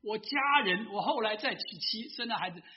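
A man's voice: high voice, expressive, brisk, muffled recording. A man voicing a guilt-ridden old male general confessing a secret, told within a sermon.

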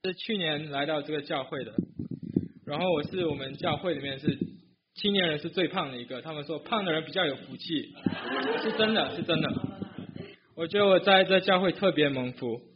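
A man's voice: on the high side, brisk, lo-fi sound, very noisy. A young man from Malaysia, a student, giving an earnest personal testimony at church, hesitating and restarting often. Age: young adult.

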